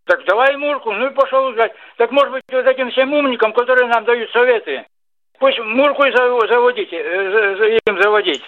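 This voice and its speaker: A man's voice: very high-pitched, brisk. Hesitant male caller on a tinny phone line. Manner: hesitant, many fillers, retells a story.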